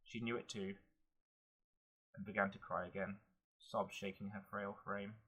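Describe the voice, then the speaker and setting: A man reading a fantasy novel aloud in a steady, earnest manner. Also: fairly low pitch, measured pace, slightly rough, rough recording. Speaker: audiobook narrator. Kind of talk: audiobook narration.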